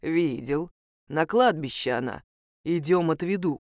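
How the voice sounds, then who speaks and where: A woman voicing a gruff male talking wolf who speaks in short, matter-of-fact lines. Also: low voice, lively intonation, measured pace, a little mellow, no echo, studio quality, pitched below the performer's own voice. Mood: curt.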